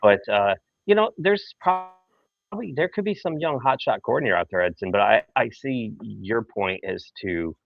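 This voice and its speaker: A man's voice: mid-range voice, expressive, normal speed, creaky, dry recording, dull audio, faint music behind. A tired man in a hotel room, rambling through casual sports chat with a bag over his head. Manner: rambling, many fillers and restarts. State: tired, early morning. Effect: talking with a bag over his head. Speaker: podcast co-host.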